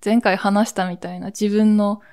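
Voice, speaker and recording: A woman's voice: medium pitch, flat delivery, normal speed, mellow, smooth. A woman in her forties from Akita, hosting a podcast and telling a childhood story in a chatty, rambling way with asides. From Akita, Japan. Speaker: podcast host. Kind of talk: casual solo storytelling.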